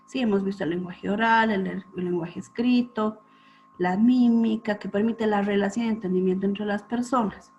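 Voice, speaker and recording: A woman lecturing students on clinical topics, explaining step by step and often checking in with a quick question. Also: medium pitch, a little mellow. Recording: dull lo-fi recording with faint hum.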